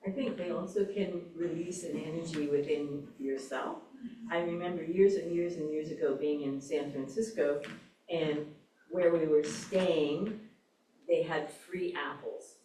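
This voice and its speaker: A woman's voice: sits low, darkish tone, a little hiss or hum. A woman at a congregation gathering telling a reflective personal story, with frequent restarts. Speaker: congregation member sharing. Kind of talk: casual group sharing. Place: large echoey church hall. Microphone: room mic from a distance. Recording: echoey hall, voice from far off.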